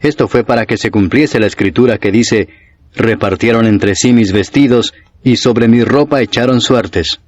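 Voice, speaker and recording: A man reading scripture aloud in a steady, solemn narration, raising his voice a little for the crowd's shouts. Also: mid-range voice, moderate pace, muffled recording. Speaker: Bible reader.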